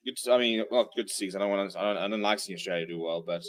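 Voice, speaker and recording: A man's voice: lowish voice, very fast. A man, hungover, chatting casually and commentating as he hosts a live rugby watchalong stream. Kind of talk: casual livestream chat and live sports commentary.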